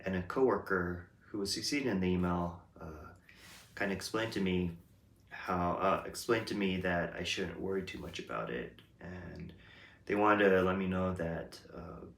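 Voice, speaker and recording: A native English-speaking man hosts a reflective, casual monologue in a low, gravelly voice at a moderate pace. He talks hesitantly, full of ums and restarts, and the recording has a roomy echo.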